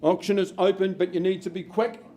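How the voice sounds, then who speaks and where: High-pitched male auctioneer calling bids. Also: fairly even intonation, brisk, warm tone. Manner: projected, emphatic count-down calls to the room. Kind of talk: live property auction calling. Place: live auction room with bidders.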